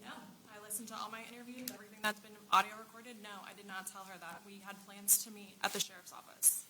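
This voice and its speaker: Bright, forceful woman testifying curtly. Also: medium pitch, level tone, quick pace. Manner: curt, firm, guarded answers. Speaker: police detective testifying as witness. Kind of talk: courtroom testimony. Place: courtroom. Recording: clearly noisy courtroom microphone with clicks.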